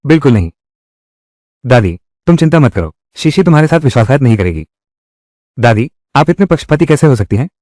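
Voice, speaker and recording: A man dubbing drama dialogue, his pitch rising and falling freely from line to line. He reads every part in his own everyday voice, close and dry with no room around it. The delivery stays steady across the scenes. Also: a little fast, pauses often, no room sound, close to an everyday voice. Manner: voices every role in one voice. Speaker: dubbing voice actor.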